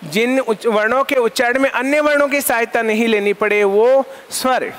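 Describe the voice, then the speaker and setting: A man with a strikingly high voice teaches a Sanskrit class. He fires questions at his students and supplies the answers, running through long repeated lists of terms. He also dictates definitions slowly so that they can be written down. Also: fairly bright tone. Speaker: Sanskrit school lecturer teaching online.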